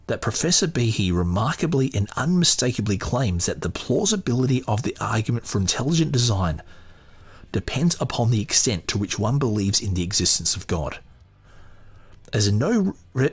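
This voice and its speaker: A male podcast host with a fairly low, husky, rough-edged voice reads aloud and throws in his own off-the-cuff commentary. He comes across opinionated and emphatic.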